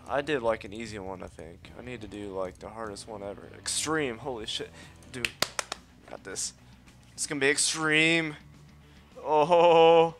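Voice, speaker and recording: Over faint background music, this let's play host speaks at medium pitch and a little slowly. His live gameplay commentary is excitable and full of cocky trash talk, with frequent swearing and yelps at every mishap.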